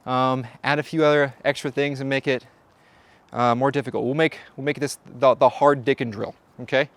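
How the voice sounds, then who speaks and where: With a mid-range voice and steady tone, a man hosts a shooting-range vlog at a moderate pace, with no echo in the recording. Now and then out of breath, he keeps the narration casual, playful and jokey, talking directly to his audience.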